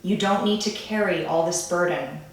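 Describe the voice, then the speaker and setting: Echoey, calm woman guiding a grounding meditation. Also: fairly low pitch. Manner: gentle, soothing, unhurried phrasing with pauses. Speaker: meditation guide. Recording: echoey room, distant from the mic.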